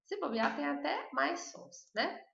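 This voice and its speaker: A Brazilian woman teaching Spanish in a live online lesson, chatty and drilling words slowly, with a Brazilian accent. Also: high-pitched, expressive, gravelly, a bit bright. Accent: Brazilian Portuguese. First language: Portuguese. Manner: chatty, repeats words slowly for students to copy. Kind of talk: live online lesson, reading chat questions. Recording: echoey room, dull lo-fi sound.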